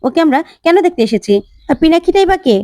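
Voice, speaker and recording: A woman's voice: very high voice, lively intonation, fast, dark tone, dry recording, clean studio sound, pitched above the performer's own voice. A woman voicing a confused man who has lost his memory, asking questions in a bewildered way.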